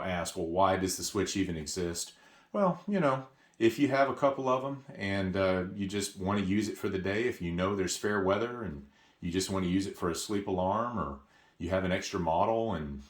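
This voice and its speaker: A low-pitched man walks through a product in a casual, hands-on tutorial, explaining informally and repeating key points for emphasis.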